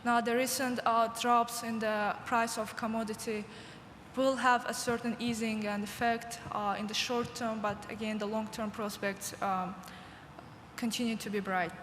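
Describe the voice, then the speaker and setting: Halting woman speaking in an echoing hall. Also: fairly high pitch, little pitch movement, a bit bright, slight background noise. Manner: halting, with many fillers and restarts. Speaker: conference host. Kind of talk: formal welcoming speech. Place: large conference hall. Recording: echoey hall with faint ambience.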